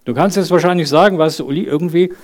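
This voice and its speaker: A man's voice: fairly high pitch, fast. A man in his thirties preaching a sermon in an earnest, conversational way, asking the congregation questions and leading a prayer. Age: 30s. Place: church service.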